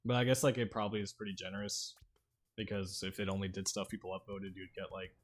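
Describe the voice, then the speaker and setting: A man livestreams a video game, talking fast in a low, level voice as he chats casually with viewers and comments on the play in informal, slangy speech. He uses a streaming microphone, and music plays behind him.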